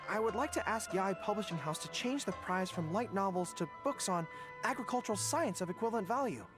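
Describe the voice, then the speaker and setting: Woman as an animated, boyish, earnest young soldier. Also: mid-range voice, a little fast, natural voice. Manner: hesitant, stammering when flustered. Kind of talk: scripted game dialogue. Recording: music behind the voice.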